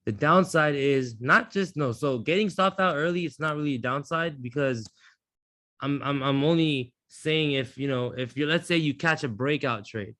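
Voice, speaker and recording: A man's voice: on the high side, moderate pace, fairly bright tone, no room sound, clean studio sound. A man teaching a live trading class, blunt and profane, often restarting his sentences. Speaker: trading instructor.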